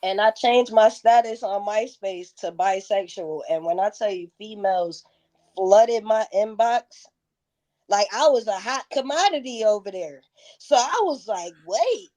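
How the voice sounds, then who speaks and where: A woman's voice: a little high, animated, measured pace, a little mellow. A woman in her thirties, a guest in a casual interview, telling stories bluntly with plenty of profanity. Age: 30s.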